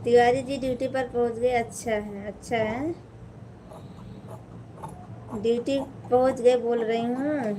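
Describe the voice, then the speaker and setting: A woman hosting a casual live stream, chatting slowly with viewers and greeting them by name, with an Awadhi-tinged Hindi accent. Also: on the high side, steady tone, background noise. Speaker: livestream host.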